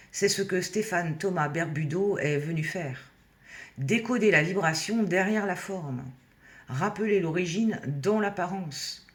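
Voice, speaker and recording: Male reader, slow and deliberate, fairly high voice, solemn list-like delivery. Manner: measured, solemn cadence with many pauses. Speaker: reader of a spiritual text. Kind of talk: slow read-aloud narration.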